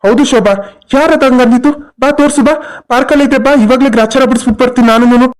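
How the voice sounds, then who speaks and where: In a cartoon story, a performer plays a worried young husband and brother who offers quick, protective reassurances. The voice sits high and is only lightly acted.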